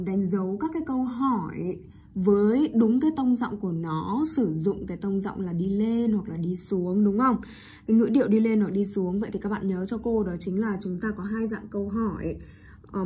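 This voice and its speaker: A woman's voice: mid-range voice, mellow, husky. A woman English teacher giving a bilingual classroom lesson on intonation, checking in with her listeners and correcting herself as she goes. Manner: keeps checking in with listeners, repeats rhetorical tag questions; mixes in short English words and self-corrections.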